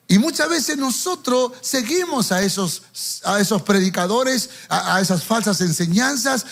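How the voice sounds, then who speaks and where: A pastor delivers a sermon in a high, light voice. He tells stories from the pulpit and acts out the people he quotes. He restarts and repeats words as he speaks. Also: gravelly, a bit bright.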